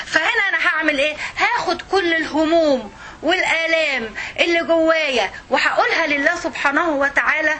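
A woman's voice: high-pitched, sharp tone. An older woman with an Egyptian Arabic accent giving a conversational, emphatic religious lesson and often checking in with her listeners. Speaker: religious teacher.

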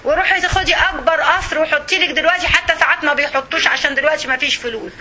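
A woman with an Egyptian accent giving an animated religious talk, acting out everyday scenes as she goes. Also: sits high, very fast, a little hiss or hum, low-quality recording. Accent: Egyptian Arabic. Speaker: religious speaker.

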